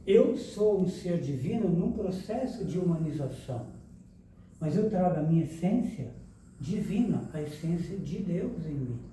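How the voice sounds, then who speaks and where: A man's voice: on the high side, measured pace, recorded from a distance. Man lecturing in an echoey hall. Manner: lively, questions the audience and jokes. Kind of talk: spiritual lecture with audience questions. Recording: echoey room, speaker away from the mic, noise behind.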